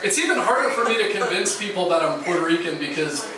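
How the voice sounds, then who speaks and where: A man's voice: high voice, lively intonation, fast, crowd noise. A male stand-up comedian from Jacksonville, Florida, doing a self-deprecating set in a small comedy club. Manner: self-deprecating, conversational punchlines. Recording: echoey room from far off, noisy.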